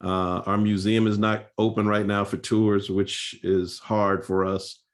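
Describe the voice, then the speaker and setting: A man's voice: fairly low pitch, little pitch movement, a little slow. A male pastor speaking at a seminar, telling church history in an earnest, storytelling way with frequent fillers and restarts.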